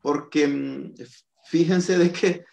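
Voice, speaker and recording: A man's voice: a little high, fairly even intonation, slow, gravelly, a little mellow. A man from El Salvador, a guest in a casual panel chat over a video call, explaining at length and addressing the audience directly. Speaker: guest commentator.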